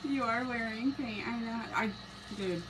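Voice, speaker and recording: A woman's voice: fairly high pitch, unhurried. Texan woman, crafter hosting a live stream, chatty and laughing, noisy hiss behind. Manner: chatty, laughs often, greets viewers by name. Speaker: craft channel host reading live chat. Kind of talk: casual live-stream chat while painting.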